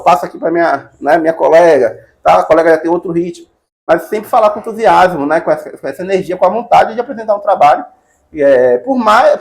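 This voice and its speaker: A man's voice: a little high, a little mellow. A middle-aged Brazilian man teaching casually, chatty and encouraging, often adding "né" and "tá bom". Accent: Brazilian Portuguese. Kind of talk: casual advice lesson.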